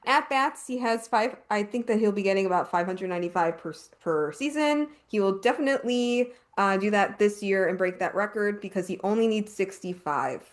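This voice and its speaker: A woman's voice: mid-range voice, expressive. A woman hosting a casual sports podcast, reading out stats, stopping to correct herself and laughing along. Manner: reads numbers haltingly, self-corrects, laughs often.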